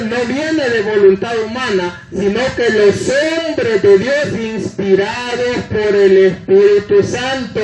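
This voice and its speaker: Guy preaching fast thru bible verses, high voice, echoey room w people around. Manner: hurried, citing scripture references. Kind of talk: sermon.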